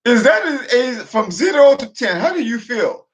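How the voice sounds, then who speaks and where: A man's voice: very high voice, sing-song, moderate pace, pitched above the performer's own voice. A man voicing a flustered, overly polite male clerk who speaks hesitantly. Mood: flustered politeness.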